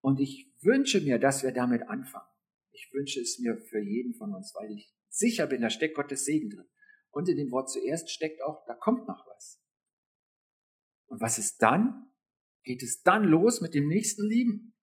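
A man preaching a sermon in a lively, intimate way, speaking straight to his listeners. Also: medium pitch, measured pace.

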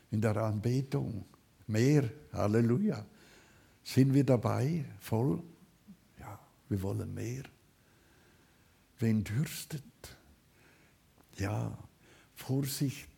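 A man preaching a sermon, fervent, swinging between loud calls and quiet asides. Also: on the low side, vocal fry, breathy edge.

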